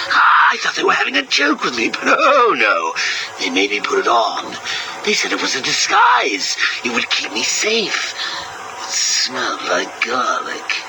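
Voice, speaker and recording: An actor playing a manic, mocking villain clown, heard played back from an old interview tape. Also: male voice, medium pitch, poor audio. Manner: sarcastic, sing-song, cackling. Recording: hissy cassette tape recording.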